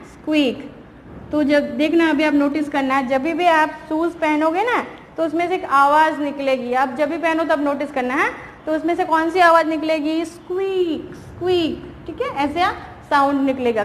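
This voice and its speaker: A woman teaching a primary school class, patiently asking questions and answering them herself, reading English lines slowly. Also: high-pitched. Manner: patient, asks and answers her own questions; reads English lines slowly, explains in Hindi. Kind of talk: recorded online class lesson. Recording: reverberant room, faint background noise.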